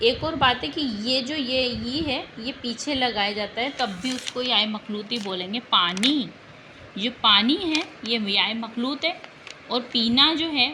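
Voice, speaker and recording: A woman teaching an exam-prep language lesson at an unhurried pace, her voice bright and a touch high. She speaks with patience, repeating each example word and checking that her students follow. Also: slight background noise, poor audio.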